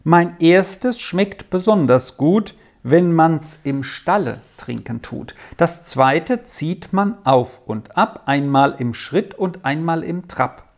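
A reader voicing an eager young boy who sets riddles, lively and exclaiming, pitched higher than the narration. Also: slow, few pauses. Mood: scolding.

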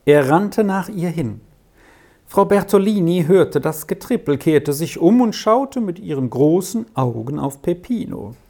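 A narrator reading a children's story aloud in a measured audiobook style. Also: mid-range voice, animated, dark tone.

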